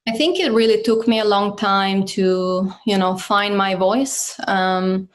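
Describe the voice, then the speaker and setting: Speaking slowly in a medium-pitched voice with fairly even intonation, this company head, Croatian by origin and raised in Italy, gives a casual interview as a guest. She uses many fillers and keeps restarting her sentences.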